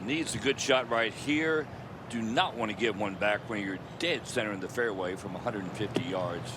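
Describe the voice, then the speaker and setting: A man's voice: on the low side, moderate pace. A man giving conversational, informal and opinionated golf analysis during live coverage. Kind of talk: conversational sports commentary. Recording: noisy outdoor ambience.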